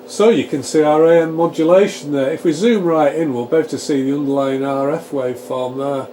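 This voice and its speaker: A man with a voice on the high side talks a little fast while giving a casual technical demo at his workbench. Host of a radio repair channel, he explains step by step and thinks aloud, with equipment fans humming steadily in the small home workshop.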